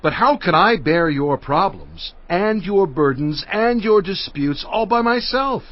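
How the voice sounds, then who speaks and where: Playing Moses in a scripture dramatization, a man speaks a little slowly in a high, animated voice. He plays a fatherly, earnest leader recounting events to his people with oratorical force. The recording sounds dull, and music runs beneath it.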